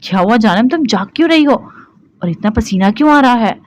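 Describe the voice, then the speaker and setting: A woman's voice: a little high, expressive, slight background noise, close to an everyday voice. A woman voicing a tender young husband who soothes his wife in an audio novel. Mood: soothing. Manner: soothing, affectionate.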